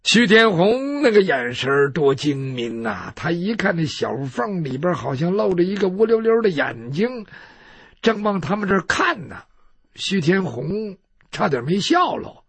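A male storyteller tells a martial tale in a husky, high-pitched voice. His delivery is rhythmic and dramatic, and the sound is close and dry. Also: sing-song, measured pace, a bit bright, no room sound. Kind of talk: traditional storytelling.

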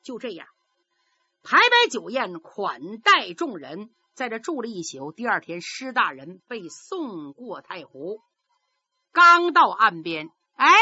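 A woman telling a traditional story in a lively, dramatic manner. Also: on the high side, breathy edge, no echo, muffled recording. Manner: lively, dramatic narration with many voices.

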